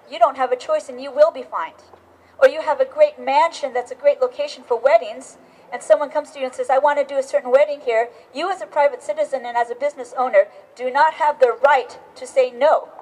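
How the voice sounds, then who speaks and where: A woman with a high voice delivers a political speech outdoors at a rally. She is emphatic and insistent, often restarting her phrases as she presses each point. She sounds middle-aged. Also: darkish tone, poor audio. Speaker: rally speaker. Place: outdoors on capitol steps.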